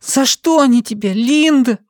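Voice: sits high, normal speed, no echo, clean studio sound, voice pushed up, lightly acted. A reader voicing a small, frightened boy who pleads through tears. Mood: pleading. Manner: pleading, tearful.

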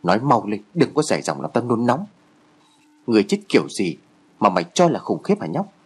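A man's voice: mid-range voice, big pitch swings, brisk, a little mellow, husky. A man doing a lazy, grumbling teenage boy. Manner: grumbling, teasing. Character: lazy sleepy sharp-tongued teenage boy.

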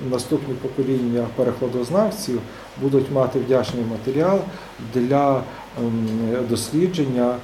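A man's voice: medium pitch, moderate pace, dark tone, a little hiss or hum. Hesitant male lecturer in an echoey room. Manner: hesitant, many filler sounds and restarts. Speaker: seminar speaker. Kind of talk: academic lecture. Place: seminar room.

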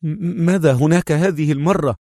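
A man performs a young male intelligence officer in a spy audiobook, his voice pitched high above the narrator's, frantic and stubborn, bursting out in pleas and protests. The recording is dry and close. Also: fairly quick, no echo. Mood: agitated, pleading. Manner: excited, pleading outbursts.

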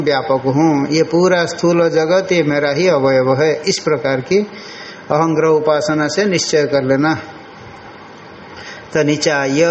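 An older man lectures on scripture as a monk teacher, slowly unpacking each Sanskrit word with deliberate chanting. His voice sits a little high for a man. The recording is muffled and lo-fi, with a roomy echo and a faint hiss behind it. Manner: slow, explanatory, chants Sanskrit words deliberately. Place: ashram hall.

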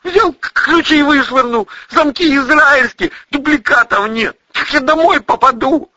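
A man voicing a nervous, touchy young man who stutters heavily and speaks in shrill bursts, in an audiobook. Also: unhurried, bright, forceful tone, dry recording, muffled recording, heavily acted. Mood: outraged. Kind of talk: audiobook character voice.

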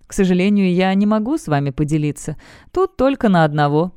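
A woman voicing a tired male necromancer mage in a fantasy audiobook, speaking in a measured, weary way. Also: on the low side, expressive, dark tone, clean tone, no echo, studio quality, natural voice.

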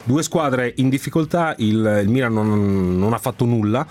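A man's voice: medium pitch, moderate pace, darkish tone. A man co-hosting a live radio football discussion in a critical, opinionated way. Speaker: radio sports co-host.

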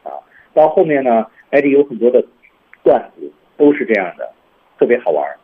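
Male radio English teacher, lively, slightly husky, tinny broadcast sound. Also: brisk. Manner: lively, demonstrates lines with heavy stress and rising pitch. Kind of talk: radio language lesson.

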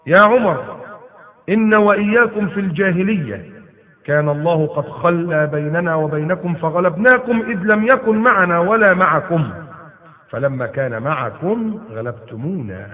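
A man's voice: sits high, normal speed, pitched above the performer's own voice, natural voice. A man with an Egyptian Arabic accent voicing a crafty captured Persian commander who pleads slyly. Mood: solemn. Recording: tinny phone-like sound with long reverb.

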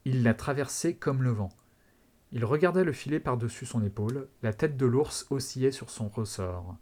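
A podcast host reading a novel excerpt aloud in a steady, measured way. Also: male voice, mid-range voice. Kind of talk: dramatic read-aloud narration.

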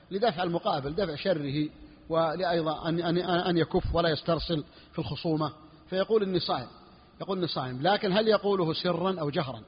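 A man's voice: on the high side, slightly rough, long reverb tail, dull audio. A man, a sheikh, teaching a religious law lesson, explaining a text and repeating his key phrases for emphasis. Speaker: sheikh teaching a fiqh book.

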